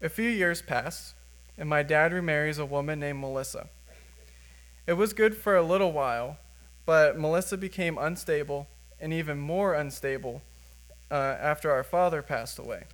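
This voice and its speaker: A man's voice: a little high, moderate pace, a bit bright. A young American man giving a sermon with personal testimony as a first-time preacher, speaking plainly and earnestly. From United States.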